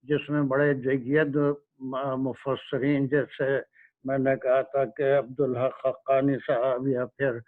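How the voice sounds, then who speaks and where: Slow-speaking man in a tinny lecture recording. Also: medium pitch, flat delivery. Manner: slow, searching for words. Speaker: Quran lecturer. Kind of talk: religious lecture.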